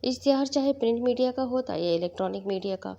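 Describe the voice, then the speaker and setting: A woman reading a novel aloud in a steady storytelling narration. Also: a little high, vocal fry. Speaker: novel reader.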